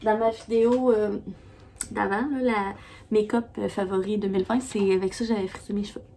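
A woman's voice: medium pitch, fairly even intonation, brisk, dark tone, a little hiss or hum. A woman with a Québécois French accent chatting casually as a beauty vlogger, rambling with many fillers and restarts. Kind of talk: casual product review.

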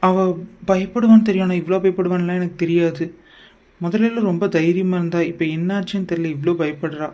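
A man's voice: high-pitched, fairly even intonation, brisk, darkish tone, close to an everyday voice. A man voicing a worried, guilt-ridden young son. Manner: hesitant, apologetic. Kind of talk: cartoon voice acting.

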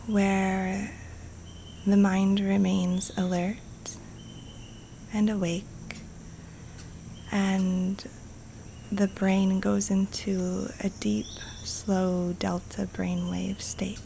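Her medium-pitched voice soft, breathy and partly whispery, a yoga nidra teacher calmly guides a relaxation meditation with long pauses, outdoors in the jungle. The live recording is rough, with a little hiss or hum, and faint birds and insects can be heard behind her.

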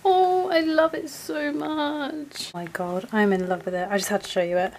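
A woman's voice: high-pitched, steady tone, darkish tone, a little hiss or hum. Gushing young woman vlogging at home. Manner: gushing, chatty, quick to laugh. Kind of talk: casual vlog chat.

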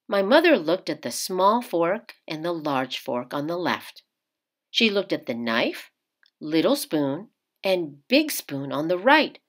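In a lowish voice, a woman narrates a children's picture book with deliberate, expressive storytelling.

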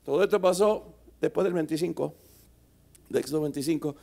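A male pastor preaching a sermon at a church service, swinging from soft asides to shouted exhortation. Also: fairly high pitch, fairly quick, vocal fry.

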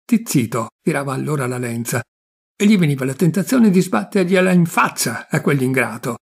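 A man narrating a classic short story in a measured, expressive reading. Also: on the high side, creaky, husky. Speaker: audiobook reader. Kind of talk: literary narration.

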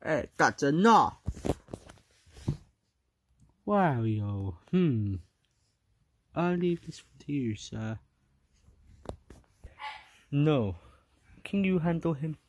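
A fan movie creator voicing every character in an amateur fan film, switching voices and jumping up into squeaky highs. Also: animated, extremely slow, pauses often, warm tone, slight background noise.

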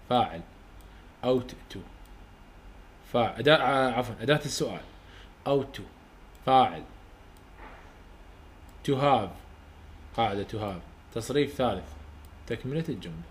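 A man with an Iraqi Arabic accent, a university English tutor giving a lecture, repeating each rule slowly so students can write it down and explaining in casual, colloquial terms. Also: medium pitch, slight background noise. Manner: repeats rules slowly for dictation.

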